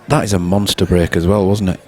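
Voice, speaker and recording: A man commentating on snooker in a relaxed, chatty way, laughing easily. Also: low voice, a little fast. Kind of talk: relaxed live sports commentary.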